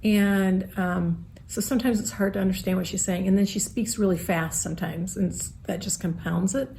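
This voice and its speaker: A woman's voice: medium pitch, fairly even intonation, normal speed, gravelly, mellow, a little hiss or hum. A woman co-hosting a podcast, chatting casually and wryly, trailing off with fillers. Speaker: podcast co-host. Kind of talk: casual chat.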